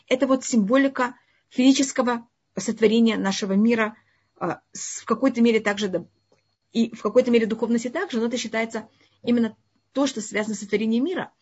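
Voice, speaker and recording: In dull, lo-fi online stream audio, a woman with a fairly high, slightly rough and a little mellow voice teaches a live religious lesson. She speaks Russian as a non-native with a foreign accent, responds to audience questions, and emphatically repeats and rewords what she says.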